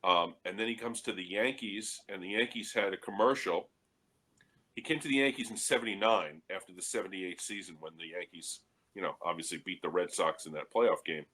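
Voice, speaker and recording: A man's voice: deep voice, brisk, bright, forceful tone, slightly rough. A man on a panel, telling anecdotes in a casual discussion and chuckling as he goes. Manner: storytelling with chuckles. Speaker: panel guest.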